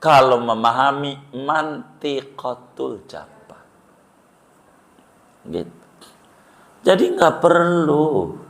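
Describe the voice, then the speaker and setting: A middle-aged male preacher, his voice swooping up and down as he fires rhetorical questions at his listeners. He talks slowly, in an unhurried delivery, and mixes playful jokes into his sermon. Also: fairly low pitch. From Indonesia. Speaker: Islamic preacher. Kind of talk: sermon to a live congregation.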